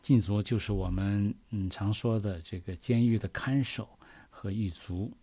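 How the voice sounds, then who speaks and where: A man's voice: lowish voice, unhurried, warm tone, husky, dry recording. A man preaching a sermon, reading scripture verses and explaining them earnestly, often asking the listeners questions.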